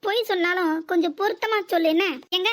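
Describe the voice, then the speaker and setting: A woman plays a defiant young married daughter in a village cartoon, full of mocking, sarcastic retorts. She speaks with a southern Tamil Nadu accent in a very high, piping voice. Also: fast talker. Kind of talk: cartoon comedy dialogue.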